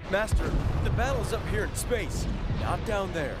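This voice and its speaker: An actor playing an impatient, eager young male Jedi knight in an animated show, over loud battle music. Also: sits high, normal speed. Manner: impatient, pushing. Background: loud score with gunfire and explosions.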